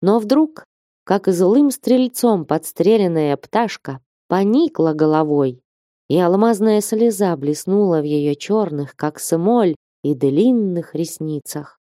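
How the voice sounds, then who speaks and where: A woman narrating a classic novel in a measured, expressive way. Her voice is lowish and mellow, and the recording is close and dry. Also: dry recording. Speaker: audiobook narrator. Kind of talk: literary audiobook narration.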